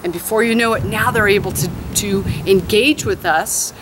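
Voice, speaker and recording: A woman's voice: mid-range voice, moderate pace. A woman dog trainer explaining her training methods step by step, outdoors on grass. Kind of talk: instructional explanation. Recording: outdoor background noise.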